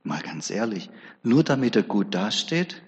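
A man preaching a sermon, telling the story in a lively, chatty way with conversational asides. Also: fairly low pitch, unhurried, breathy edge, in a large hall, lo-fi sound.

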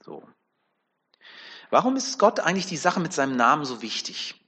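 A man's voice: on the high side, very animated, normal speed, bright, forceful tone, slightly rough, in a large hall. A man preaching a sermon in a conversational way, often checking in with the congregation through tag questions.

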